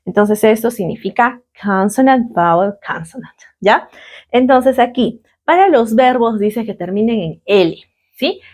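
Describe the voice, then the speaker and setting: A woman's voice: on the high side, animated, darkish tone. Patient woman teaching English grammar. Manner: patient, repeats words slowly and checks in with "¿listo?". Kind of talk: classroom grammar lesson.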